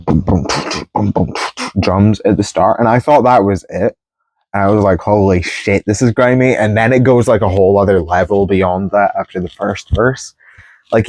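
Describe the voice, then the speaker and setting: A man's voice: lowish voice, a little mellow, dry recording, poor audio. A man giving casual music commentary from his bedroom, chatty and laughing often. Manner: chatty, sings snippets of songs, laughs often. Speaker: music vlogger.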